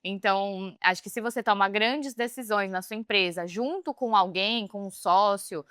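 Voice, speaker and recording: A woman co-hosting a podcast in casual chat, telling stories with animated expression. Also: medium pitch, moderate pace, smooth, no room sound, studio quality. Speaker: podcast co-host.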